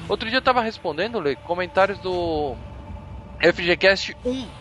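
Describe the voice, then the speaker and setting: A man's voice: high voice, normal speed, soft background music. A man hosting a podcast, chatting casually and joking with his co-hosts. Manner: animated, joking. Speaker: podcast host.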